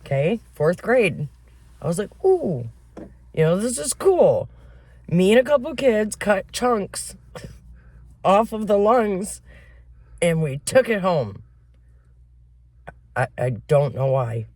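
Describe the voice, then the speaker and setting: A woman's voice: mid-range voice, takes it slowly, long pauses, no room sound. A woman from Michigan spins a wild, laugh-filled story, swearing freely as she goes. Her voice is close and dry, with no room sound around it. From Flint, Michigan. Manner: profane, laughing, animated storyteller. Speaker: podcast co-host. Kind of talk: casual chat, storytelling.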